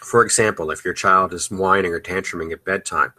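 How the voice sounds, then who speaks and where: Chatty man with a bright, dry voice. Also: deep voice, a little fast, dry recording. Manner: loose and conversational, many "uh" and "you know" fillers. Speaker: parenting podcast host. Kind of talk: advice talk.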